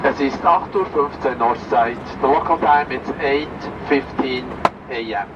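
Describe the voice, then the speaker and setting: A man on the cabin crew reading a formal, measured safety announcement over the cabin loudspeaker. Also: medium pitch. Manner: measured, formal, read from script. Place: aircraft cabin in flight. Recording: muffled, distant, engine noise. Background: steady jet engine hum.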